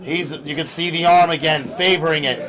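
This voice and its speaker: A man's voice: fairly high pitch, fairly even intonation, a little fast, bright, forceful tone. A man working as a lucha libre announcer, giving live play-by-play and calling wrestling moves in short bursts. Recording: crowd noise behind commentary. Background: live crowd.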